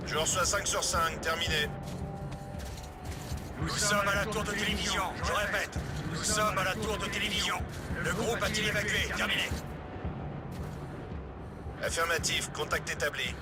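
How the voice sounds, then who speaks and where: A man's voice: sits high, steady tone, normal speed, pauses often, over loud music. An actor playing a male soldier who talks over a field radio, using clipped military protocol in a video game. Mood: clipped, formal. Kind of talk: video game voice acting, French dub.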